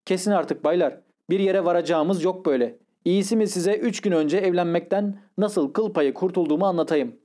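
A man's voice: high-pitched, brisk, hardly any pauses, dark tone, voice pushed up, lightly acted. A man voicing a smug, condescending young officer who drawls and talks down to others. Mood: commanding. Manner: drawling, patronizing.

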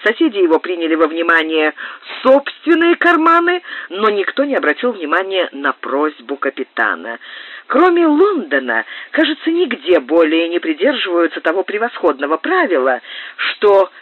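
A man reads an audiobook aloud in a theatrical manner, his pitch rising and falling. His voice sits a little high. The recording is dry and muffled, like old radio. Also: wildly swooping pitch, normal speed, no echo. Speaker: audiobook narrator. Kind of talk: scripted audiobook narration. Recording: dull, dry lo-fi sound.

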